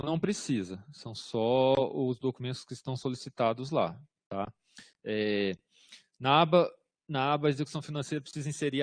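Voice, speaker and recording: A government systems instructor from Brazil answers workshop questions online in an informal way, full of hesitant fillers and repeated "tá?". His voice sits at medium pitch, captured in clean studio sound without room sound.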